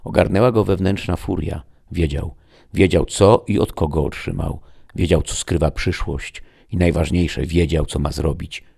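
Very deep gravelly male narrator. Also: moderate pace. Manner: steady dramatic storytelling. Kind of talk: audiobook narration.

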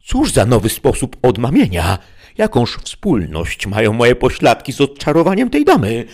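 A man's voice: mid-range voice, big pitch swings, moderate pace, pitched above the performer's own voice. A man voicing a blustering, stubborn peasant squire. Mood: indignant protest. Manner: indignant, blustering.

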